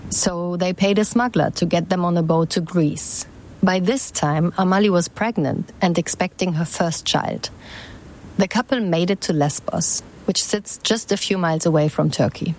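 A woman reporter giving scripted news narration in a measured, even way. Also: on the low side, a little hiss or hum.

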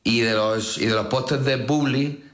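A man chatting casually in a studio, deadpan and rambling, often restarting his sentences. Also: mid-range voice, moderate pace. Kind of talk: casual comedic chat. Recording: roomy echo.

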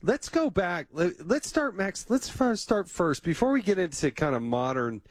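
A man's voice: high-pitched, sing-song, normal speed, dry recording. Conversational male interview host, dry sound. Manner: friendly, conversational, repeats words and restarts.

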